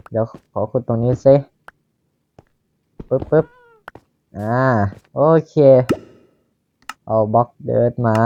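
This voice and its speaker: Slow-talking Thai man, lo-fi. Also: medium pitch, a little mellow. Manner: slow, chatty, talking to himself while building. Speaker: Minecraft YouTuber. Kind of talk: casual gameplay commentary.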